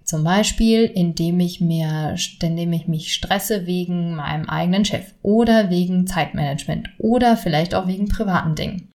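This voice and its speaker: This woman's voice sits fairly low and sounds a little mellow. She hosts a solo podcast about stress as a stress coach, speaking directly and warmly to the listener while guiding them through exercises.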